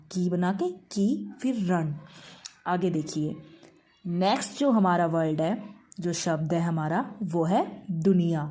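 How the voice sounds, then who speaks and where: A woman teaching a Hindi lesson to young schoolchildren. She talks patiently, calls the pupils "beta", mixes English words into her Hindi and draws out each word slowly. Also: lowish voice, mellow. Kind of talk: online class lesson.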